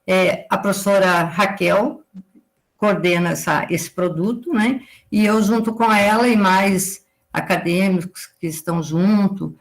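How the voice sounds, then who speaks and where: In a live lecture to students, this woman, an agricultural consultant in her forties from southern Brazil, gives long explanations punctuated by a questioning "right?". She talks a little slowly, at medium pitch.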